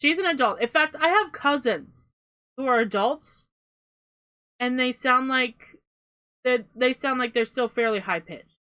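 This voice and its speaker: A woman's voice: sits high, expressive, unhurried, pauses often, pushed and bright. A young woman giving an emphatic reaction commentary, repeating her points and swearing now and then.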